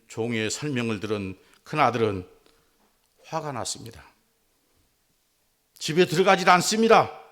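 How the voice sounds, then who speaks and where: A male pastor preaching a sermon in an animated way. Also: medium pitch. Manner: animated, acts out quotes.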